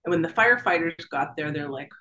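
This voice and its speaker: This thirties-aged woman talks fast in a low, bright, forceful, expressive voice while recounting her time as a guest during a casual interview. Her retelling is vivid and chatty, packed with "like"s and fillers, and she voices what she was thinking back then. Audio quality is poor.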